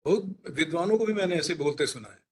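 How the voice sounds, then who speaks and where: A man, a linguistics expert, explaining pronunciation in a deliberate teaching manner, spelling out and repeating his examples. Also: a little high, animated. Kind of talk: explanatory career talk.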